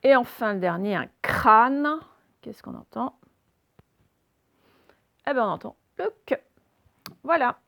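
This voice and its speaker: Slow, gravelly-voiced woman teaching phonics. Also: fairly high pitch, lively intonation, fairly bright tone. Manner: slow and deliberate, sounding out letters and quizzing listeners. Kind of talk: phonics reading lesson.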